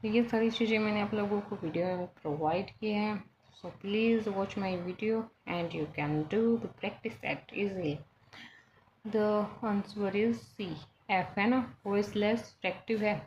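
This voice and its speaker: A woman's voice: mid-range voice, slow, a little mellow. A young woman teacher, working through exam quiz answers in a chatty style, switching languages and correcting herself. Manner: chatty, mixes Hindi and English, self-corrects. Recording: dull lo-fi recording with faint background noise.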